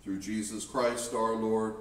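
Solemn priest far off in an echoey church. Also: male voice, on the low side, flat delivery. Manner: solemn, measured recitation of set prayers. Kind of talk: leading a church liturgy.

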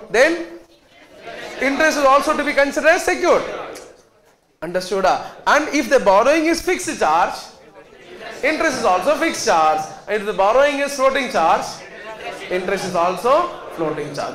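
This accountancy lecture comes from a man in his thirties with a South Indian accent whose voice sits high with a fairly bright tone. Teaching emphatically, he repeats points and puts questions to his class, and the echoey room carries faint sounds of students.

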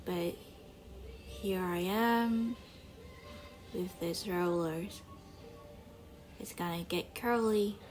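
A woman's voice: lowish voice, drawn-out words, pauses often. A young woman from Korea, chatting casually through a vlog with lots of fillers. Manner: chatty, loose with fillers like "like" and "you know". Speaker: vlogger. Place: bright home studio, indoors, then voice-over. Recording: talk over loud background music.

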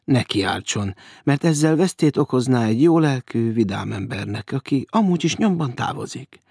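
A man's voice: medium pitch, animated, vocal fry, warm tone, breathy edge, no echo, clean studio sound. A man voicing a cheerful, courteous young man in pyjamas, breezy and lightly ironic, in an audiobook.

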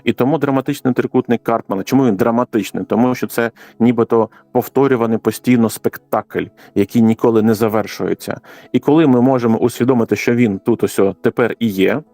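A man with a Ukrainian accent, a guest analyst answering radio interview questions in a measured, explanatory way. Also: medium pitch, warm tone, no echo. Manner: measured, explanatory, occasional hesitations.

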